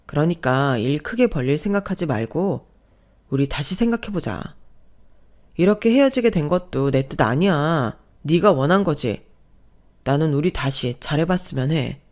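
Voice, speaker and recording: A woman voicing an ex-husband who speaks in a loud, demanding way. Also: low-pitched, animated, moderate pace. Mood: pleading. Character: angry ex-husband, bullying then pleading.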